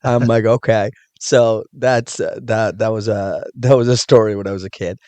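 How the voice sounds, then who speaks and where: Deep-voiced man from Morocco, chatty. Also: normal speed, dry recording. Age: 30s. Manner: animated, laughing, fills with "like" and "you know". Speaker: judo instructor, podcast guest. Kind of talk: casual storytelling chat.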